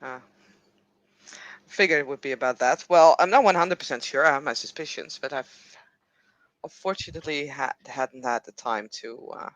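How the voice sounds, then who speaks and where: A man playing a guarded woman in a tabletop game, speaking in a cautious, measured way. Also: mid-range voice, a bit bright, no echo, highs cut off, natural voice. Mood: wary. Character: guarded woman, a wary vampire schemer.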